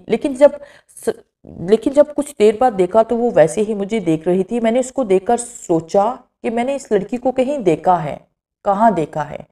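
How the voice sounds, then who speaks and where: Mellow-voiced woman narrating a story. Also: medium pitch. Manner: steady first-person narration. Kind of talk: scripted horror story narration.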